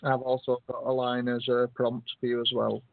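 A tired man in pain calling in to a radio show over a phone line, soft-spoken with small laughs. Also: mid-range voice, monotone, moderate pace, creaky, dry recording. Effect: caller heard over a phone line. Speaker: international caller reading poetry.

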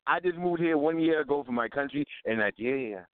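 A man's voice: fairly high pitch, animated, fairly quick, clear, resonant tone, dry recording. A man calling in to a radio show as a prank, putting on a broad foreign voice and repeating exclamations, heard over a phone line. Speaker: caller.

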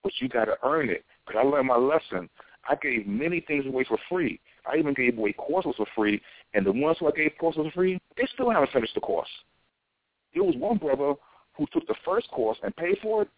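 American male soapbox ranter, preachy street-vernacular delivery, very animated pitch, narrow telephone-grade sound. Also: brisk, no room sound. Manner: ranting, preachy, exhorting with repeated phrases. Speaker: self-styled spiritual teacher. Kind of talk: impassioned soapbox sermon. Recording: thin phone-like radio sound.

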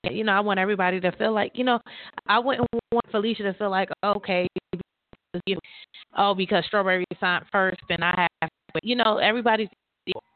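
An author and publisher who leads a writers' group chats casually with a writer over a phone line, using a laptop and headphones. Her medium-pitched voice is fairly even and a little fast, and she rambles and restarts, calling her listener "girl." The call audio sounds tinny and dry.

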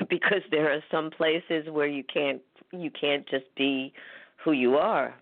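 An interview host asking questions in a warm-hearted, encouraging way, laughing often and restarting sentences. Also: mid-range voice, steady tone, slow, dry recording. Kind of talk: casual interview. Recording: dry, phone-like line.

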